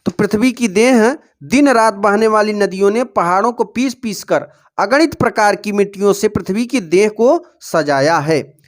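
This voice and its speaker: A man teaching students how to write board exam answers, calling them dear children and often telling them to pay attention. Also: high-pitched. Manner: recites verse slowly and deliberately. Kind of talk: exam-prep lesson for students.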